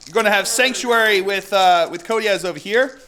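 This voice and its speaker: Speaking fairly quickly, a man with a bright, high voice runs a tabletop battle as host and player, calling dice results in an easygoing play-by-play. When the rolls swing, he whoops excitedly, and he laughs often throughout.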